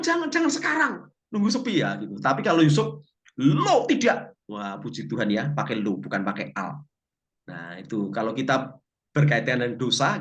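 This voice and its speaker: A man teaching a Bible language class, telling stories with jokes and asking the class questions. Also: mid-range voice. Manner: lively storytelling, asks class questions.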